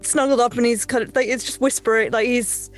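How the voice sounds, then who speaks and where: A woman playing a tabletop role-playing game, talking in a hesitant, halting way full of fillers. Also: on the high side, fairly even intonation, faint music behind. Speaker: player.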